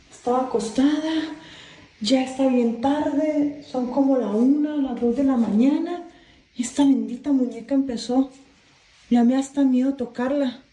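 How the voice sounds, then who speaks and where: Holding her phone in a dark bedroom at night, a woman with a high, mellow voice speaks at a moderate pace and fairly even intonation. She talks nervously to her viewers and calls out into the house, and the casual indoor recording carries echo and faint hiss.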